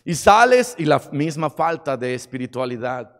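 Dramatic preacher. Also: male voice, fairly high pitch, sing-song, normal speed. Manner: dramatic, swings from hushed to shouting. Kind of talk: sermon. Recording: long hall reverb.

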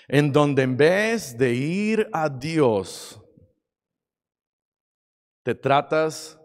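A man preaching a sermon, swinging from hushed asides to shouting. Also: medium pitch. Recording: long hall reverb.

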